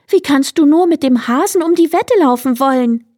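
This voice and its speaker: A woman's voice: sits high, normal speed, a little mellow, no room sound, studio quality, voice pushed up, close to an everyday voice. A woman voicing a worried little female hedgehog, the hedgehog's wife in a fairy tale, sounding anxious and pleading.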